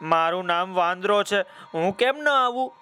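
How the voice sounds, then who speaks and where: Cheeky storybook monkey, whiny and high as a man puts him on. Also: animated, moderate pace, pushed and bright, faint music behind. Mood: insistent. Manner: whiny, insistent. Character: cheeky mischievous male monkey.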